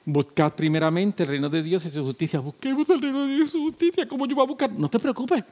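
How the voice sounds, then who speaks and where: A male pastor preaching a sermon, emphatic and repetitive, moving between loud exhortation and quiet, low talk. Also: fast.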